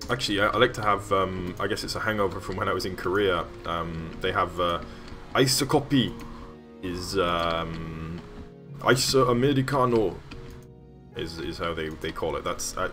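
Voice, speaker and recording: Low-voiced man chatting on a stream. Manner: rambling, chatty, many fillers and restarts. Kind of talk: casual live-stream chat while building.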